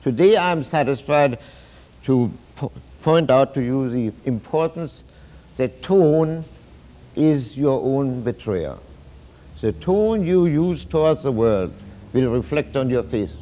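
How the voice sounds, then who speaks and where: A man giving a lecture in a halting, philosophical way, full of restarts and emphatic turns. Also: mid-range voice, expressive, mellow, muffled recording. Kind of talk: university lecture.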